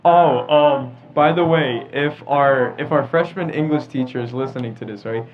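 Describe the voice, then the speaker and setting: Over background music, a New York teenager co-hosting a podcast swaps stories and makes casual conversation. His voice is medium-pitched at an ordinary speed, and the sound is lo-fi.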